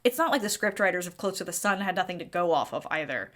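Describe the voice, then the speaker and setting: A woman's voice: fairly low pitch, expressive, fast, crowd noise. A woman giving scripted, opinionated video-essay commentary as a critical game reviewer.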